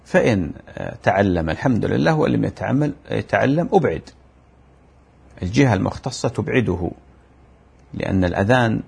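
A man giving a religious lesson, explaining mistakes in the call to prayer and chanting examples of them, in a drawn-out, repetitive teaching manner. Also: fairly low pitch, vocal fry, a little mellow, breathy edge. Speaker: Islamic teacher. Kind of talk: religious lecture.

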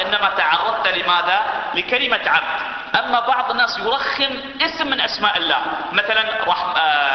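A man with a fairly high voice delivers a religious lesson at a rapid clip. He repeats his key points and poses questions to his audience. The sound is dull and rings with the long echo of a large hall. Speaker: religious teacher.

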